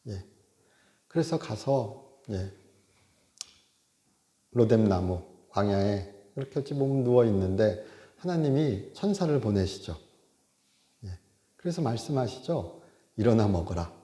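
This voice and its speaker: Korean pastor preaching in an echoey sanctuary. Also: male voice, lowish voice, a little slow, pauses often. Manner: conversational preaching with frequent interjected "yes"; animated, acts out God scolding in raised voice. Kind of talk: sermon. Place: church sanctuary. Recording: echoey church hall.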